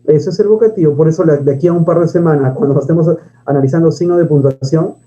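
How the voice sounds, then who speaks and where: A man teaches a grammar lesson in a fairly high, very dark and mellow voice. He asks and answers his own questions and reads verses aloud. The recording sounds dull and lo-fi. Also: fast talker.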